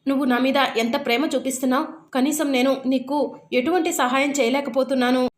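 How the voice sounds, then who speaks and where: A devoted young wife vowing to help her husband, read by a woman in her own high voice. Heard in a roomy echo. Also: fairly even intonation, a little fast, lightly acted. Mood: earnest.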